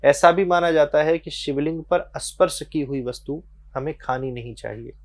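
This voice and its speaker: Calm, patient male spiritual teacher. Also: a little high, moderate pace, no room sound. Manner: calm, patient explanation with devotional storytelling. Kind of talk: explaining worship rules in an interview.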